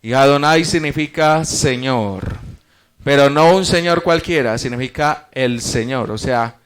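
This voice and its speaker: A man's voice: medium pitch, a little slow, clean tone. A man teaching a church Bible study class, explaining step by step, posing rhetorical questions and addressing the congregation as brothers.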